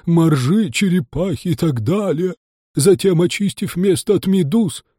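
A man's voice: high-pitched, dark tone, slightly rough, no room sound, clean studio sound. A man voicing a weepy, mournful female mock turtle in a storybook audiobook. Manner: mournful, slow singing and talking. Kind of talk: audiobook reading.

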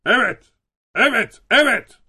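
Drunk, furious young writer, ranting at full shout, pitched high, read by a male narrator. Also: animated, moderate pace.

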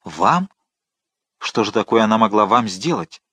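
A man voicing a vengeful man disguised as a monk, speaking slowly, hard and commanding. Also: on the low side, very animated, sharp tone, husky, no echo, exaggerated voice. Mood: probing.

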